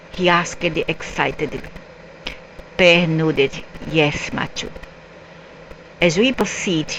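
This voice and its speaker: Woman narrator, reads a story slowly and haltingly, lowish voice. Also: a little hiss or hum, low-quality recording. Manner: halting, spells out word endings letter by letter. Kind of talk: reading a story aloud.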